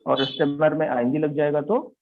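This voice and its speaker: A man's voice: a little high, little pitch movement, moderate pace, a little hiss or hum. A man teaching an English class, telling stories and quizzing his students, repeating the key words. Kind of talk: classroom lesson with storytelling. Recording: tinny phone-like online class audio.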